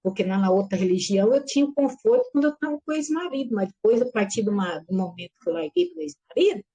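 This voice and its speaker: A middle-aged woman giving a lively personal religious testimony, acting out the voices in her story and calling her listeners brothers and sisters. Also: medium pitch, quick pace, muffled recording. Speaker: church member giving testimony.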